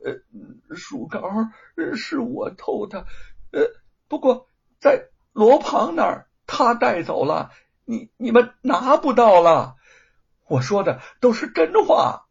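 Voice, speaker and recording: A man's voice: very animated, takes it slowly, vocal fry, breathy edge, dull audio, heavily acted. A man voicing a scheming, mocking villainous woman in a told story, stammering when frightened. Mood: terrified. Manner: mocking, shrill denials, stammers when scared. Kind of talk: storybook character voice.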